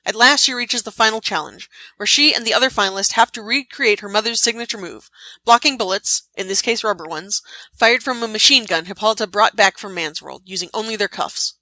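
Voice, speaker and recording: Bright, crisp-voiced woman narrating a recap. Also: medium pitch, brisk, dry recording. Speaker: podcast host. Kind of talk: scripted narration.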